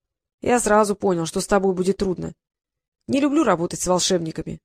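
A woman's voice: on the high side, expressive, brisk, a little mellow, no room sound, clean studio sound. A woman reading an audiobook, voicing a sly, evasive male genie who is thousands of years old, with a wheedling, mock-respectful manner. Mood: grumbling.

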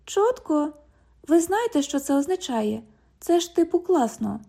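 Sarcastic twenty-year-old girl at a bank till, pitched up and mocking, warm tone; voiced by a woman audiobook reader. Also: big pitch swings, measured pace, creaky, full character voice. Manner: mocking, cheeky, parrots the other speaker. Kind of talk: audiobook dialogue reading.

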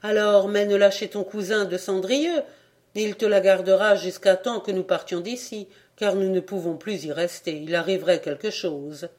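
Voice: medium pitch, moderate pace, darkish tone, natural voice. A reader voicing a worried peasant mother. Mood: pleading.

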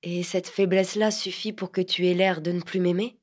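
A woman's voice: lowish voice, flat delivery, normal speed, darkish tone, lightly acted. A woman voicing an anxious, lovesick teenage boy in an audiobook, pleading and tender.

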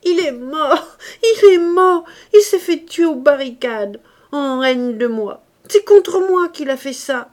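Bitter, anguished old grandfather, put on by a woman in an audiobook, all shouted outbursts in a highish voice. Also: moderate pace, natural voice. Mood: raging grief. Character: furious grieving old grandfather, near a hundred. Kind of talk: audiobook character reading.

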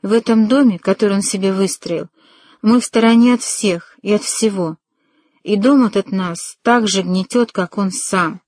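A woman's voice: medium pitch, moderate pace, darkish tone, dry recording, clean studio sound, lightly acted. A woman voicing a timid, fearful young woman in an audiobook, speaking anxiously and pleadingly.

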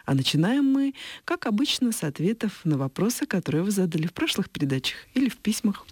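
Brisk lively woman radio host. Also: mid-range voice, slightly rough, dry recording, studio quality, faint music behind. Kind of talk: radio presenter. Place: radio studio.

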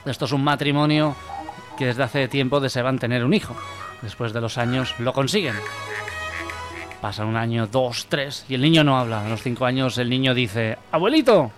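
Radio joke-teller, man, middle pitch, plays the characters himself, clear music bed under the voice. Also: moderate pace. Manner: acts out the joke characters in a higher voice. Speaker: radio comedy host. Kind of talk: telling jokes on radio.

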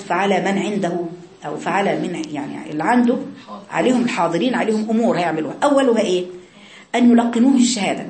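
A woman's voice: mid-range voice, a little mellow, roomy sound. A woman with an Egyptian accent giving a religious lesson to young women, earnest and emphatic, repeating her key phrases. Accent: Egyptian Arabic. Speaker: religious teacher.

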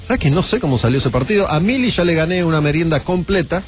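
A man's voice: on the high side, expressive, fast talker, faint music behind. A middle-aged man with an Argentine accent hosting a radio show, chatting and joking with his co-hosts in the studio. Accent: Argentine Spanish. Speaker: radio host. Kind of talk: casual studio banter.

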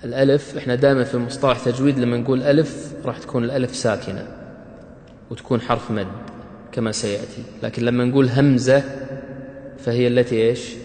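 A man's voice: mid-range voice, a little mellow, echoey room, long reverb tail. A man teaching Quran recitation rules, quizzing his students with short questions and praising their answers.

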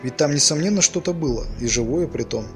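A man's voice: fairly high pitch, lively intonation, fast, soft background music, close to an everyday voice. A man voicing a wary male sailor who asks questions in a raised, urgent tone. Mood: uneasy.

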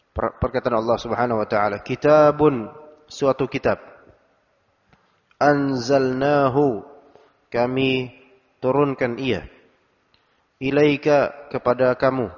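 A man giving a religious study lecture, explaining verses phrase by phrase casual colloquial asides. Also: mid-range voice. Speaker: Islamic teacher. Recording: dull recording in a reverberant hall.

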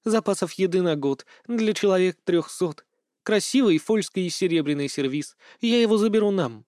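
A man reading aloud voices a bold, sharp-tongued young wife with a brash, teasing manner. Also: sits high, animated, normal speed, no echo, clean studio sound, voice pushed up. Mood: scolding.

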